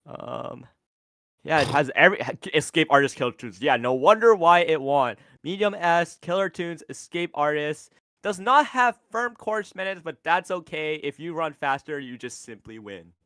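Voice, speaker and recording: A man casting an online racing tournament, getting loud and excited during the race calls. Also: on the high side, dry recording. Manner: excitable, rises to loud fast calls at the finish. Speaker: tournament caster. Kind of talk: esports race commentary.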